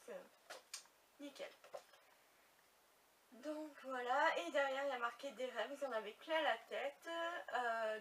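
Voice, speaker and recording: A woman's voice: on the high side, a bit bright. A young woman chatting casually to her viewers while unboxing, with lots of fillers and little asides. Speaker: beauty vlogger. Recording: slightly distant mic with faint noise.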